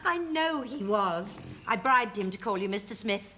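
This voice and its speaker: An English actress playing a long-suffering middle-aged sitcom wife, dryly teasing and gently sarcastic. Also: female voice, medium pitch, lively intonation, moderate pace, natural voice. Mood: slyly teasing. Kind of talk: British sitcom acting. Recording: noisy old television sitcom soundtrack.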